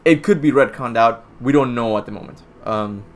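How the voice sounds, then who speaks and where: A young Cuban man with a medium-pitched voice speaks at a normal pace while hosting a laid-back gaming channel Q&A. He rambles, pokes fun at himself, and laughs when he trips over his words, answering viewer questions in a casual livestream chat. Faint music plays in the background.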